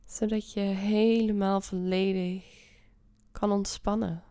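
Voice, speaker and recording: A woman guiding a meditation softly and soothingly, half whispering close to the ear, slowly and with long pauses. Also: medium pitch, little pitch movement, clean tone, no echo. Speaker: meditation podcast host. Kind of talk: guided meditation.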